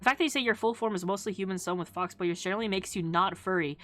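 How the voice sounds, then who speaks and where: A woman's voice: medium pitch, rapid-fire, fairly bright tone, soft background music. A woman chatting casually on a livestream in a cute, playful anime-streamer manner, rambling and giggly. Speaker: VTuber streamer. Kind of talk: casual livestream chat with viewers.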